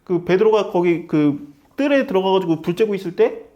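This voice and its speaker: A man's voice: high voice, a little fast, dull audio. A middle-aged man leading an informal Bible study, acting out quoted lines and laughing often. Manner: animated, acts out quoted dialogue, laughs often.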